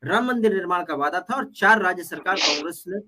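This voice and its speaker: High bright-voiced man reading comments. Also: lively intonation, fast. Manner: reads comments aloud, argues with quips. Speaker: debate panelist reading viewer comments. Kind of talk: live political panel debate.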